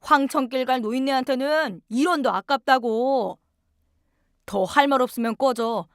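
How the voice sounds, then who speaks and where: A woman's voice: high voice, normal speed, dry recording. Heartless husband, read by a female narrator, blunt, contemptuous, dry close voice. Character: callous cold-hearted young husband.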